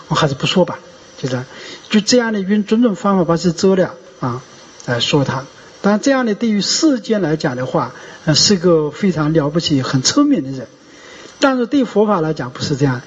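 A man's voice: high-pitched, slightly rough. A man, a Buddhist monk, giving a sermon, telling stories and asking rhetorical questions. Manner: storytelling, animated, rhetorical questions. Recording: dull lo-fi recording.

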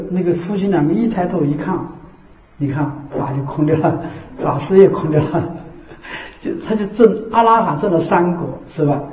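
A man giving a Buddhist dharma talk as a teacher. He keeps checking in with rhetorical tags and slows into a measured recited cadence for scripture. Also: high voice, warm tone. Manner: repeats the tag "是吧" as a rhetorical check. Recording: echoey room.

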